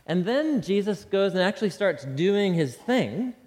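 A man giving a conversational Bible teaching, animated and putting rhetorical questions to his listeners. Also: high-pitched, unhurried, in a large hall.

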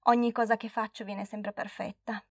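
A woman's voice: level tone, moderate pace, dry recording, clean studio sound, natural voice. A woman voicing a proud, perfectionist nine-year-old girl who boasts eagerly and turns tearful in a storybook reading. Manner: boastful, high and eager, tearful when she fails.

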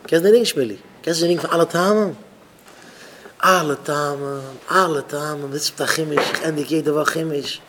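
A man's voice: a little high, a little hiss or hum. A man, a rabbi, giving an informal talk at a Shabbat gathering, repeating phrases and questioning listeners by name. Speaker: rabbi addressing students.

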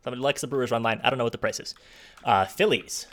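Young male host, bright timbre, easygoing betting-show banter. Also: medium pitch. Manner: easygoing, halting with restarts. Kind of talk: casual sports betting chat.

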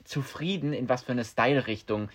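A young man co-hosting a podcast in casual chat, relaxed and chatty, with many fillers and English slang words. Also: medium pitch, fairly quick, slightly rough. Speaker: podcast co-host.

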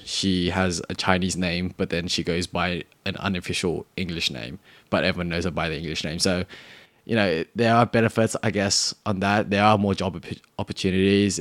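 A young Australian man with a low voice co-hosts a podcast, chatting casually and rambling with plenty of fillers. The recording is dry.

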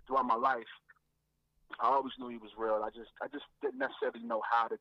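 A man, a guest rapper, telling his faith story in a reflective way, often repeating words and filling pauses. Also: medium pitch, level tone, no room sound, highs cut off.

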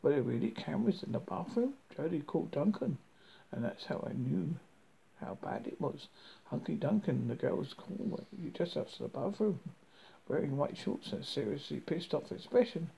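Taking on a horror host role, a man reads a first-person story dramatically but haltingly, fumbling words in a husky, creaky voice on the high side. The delivery is sing-song and warm, captured on a rough recording.

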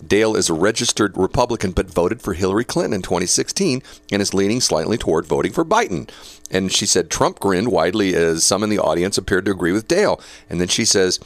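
A man's voice: sits low, animated, fast, dry recording. A man hosting a talk show, reading news quotes aloud with chatty, opinionated asides and laughter between points. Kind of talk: casual talk radio commentary.

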